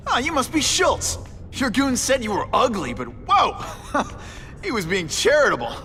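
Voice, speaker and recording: An American man playing a young superhero in a video game, quick with glib banter yet earnest and haunted by loss. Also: extremely high pitch, wildly swooping pitch, slight background noise, heavily acted. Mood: mocking, teasing. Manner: glib, teasing banter and earnest brooding narration. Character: young wisecracking superhero haunted by his uncle's death. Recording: loud music under the voice.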